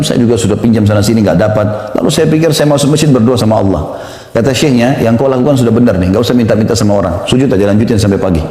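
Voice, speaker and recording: Male preacher, fast storytelling sermon, mellow voice, long hall reverb. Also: mid-range voice. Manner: animated storyteller acting out quoted dialogue. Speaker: Islamic preacher.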